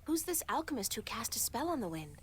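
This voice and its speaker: An actress playing a curious young heroine in a video game, asking earnest questions. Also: female voice, a little high, sing-song, fairly quick, slight background noise. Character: curious young woman, sharp-tongued heroine.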